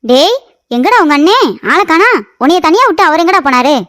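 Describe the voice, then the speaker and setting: A man voicing a fussy young wife in a cartoon story, talking in a high, pleading, nagging way. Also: sing-song, fairly quick, pushed and bright, exaggerated voice. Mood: fretful. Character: fussy young wife, doting on pet crow.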